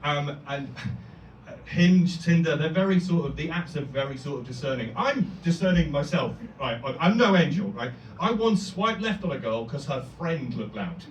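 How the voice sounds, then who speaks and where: A man's voice: a little high, expressive, moderate pace, recorded from a distance. A young man performing a stand-up comedy set, talking conversationally with crude language and acting out quoted voices. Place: comedy club, live audience. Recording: roomy live club sound from off-mic. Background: loud audience laughter and noise.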